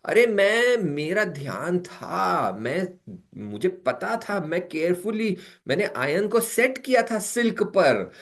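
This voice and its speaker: A man doing a happy-go-lucky wife who waves away every complaint in a breezy, lilting voice. Her pitch sits raised, and she talks as if nothing matters. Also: sing-song, takes it slowly, hardly any pauses, full character voice. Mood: excusing. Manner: breezy, dismissive, excusing. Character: carefree, cheerful wife who laughs things off.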